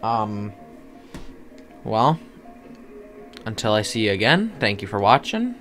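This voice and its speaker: This gaming commentator has a lowish, fairly bright voice that's sing-song and slow. In a casual let's-play, he groans, pleads with the video game, and jokes at his own expense while faint game music plays in the background.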